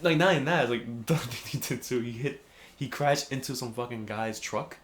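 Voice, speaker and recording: A man's voice: medium pitch, moderate pace. A young man co-hosting a podcast, telling stories in a casual chat, swearing a lot and acting out what people said. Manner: swears a lot, animated storytelling, acts out quotes loudly. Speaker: podcast co-host.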